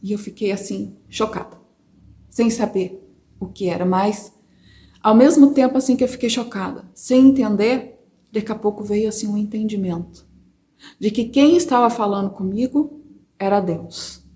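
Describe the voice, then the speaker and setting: A woman with a Brazilian Portuguese accent, telling her personal faith testimony to viewers in an expressive, chatty way from a corner of her home. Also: mid-range voice, normal speed. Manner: expressive storyteller, addresses viewers as brothers. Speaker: testimony speaker. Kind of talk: personal religious testimony, casual.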